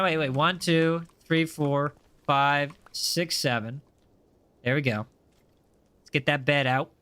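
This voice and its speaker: A young American streamer with a general American accent plays a game on a livestream, chatting casually and upbeat and reading chat aloud. His voice is on the high side, pushed and bright yet smooth, with no echo.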